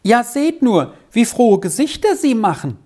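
A woman voicing a lively, cheerful young girl in a storybook reading, eager and friendly. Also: on the high side, measured pace, voice pushed up.

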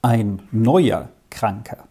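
A woman narrating a chapter of a storybook in an expressive, measured reading. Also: a bass voice, slightly rough. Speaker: audiobook narrator.

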